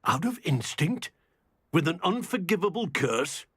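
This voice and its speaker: Stern older patriarch, husky, commanding, moralizing, widely swinging pitch, dry game dialogue. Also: male voice, very animated, measured pace, dry recording, full character voice. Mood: outraged. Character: stern, indignant older uncle, a strict family patriarch. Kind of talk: dramatic video game dialogue.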